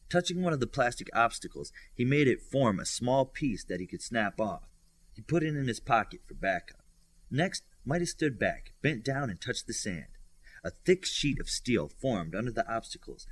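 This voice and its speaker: This audiobook narrator reads scripted fiction in a storytelling style, lifting the characters' dialogue. His voice is medium-pitched and husky, and the recording is dry.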